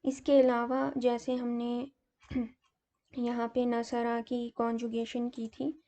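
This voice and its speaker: A woman delivers a grammar lesson at an unhurried pace, walking through each example methodically. Her voice is gravelly and mellow, a little higher than usual but held to a flat, even melody. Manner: slow, methodical explaining with fillers. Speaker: teacher.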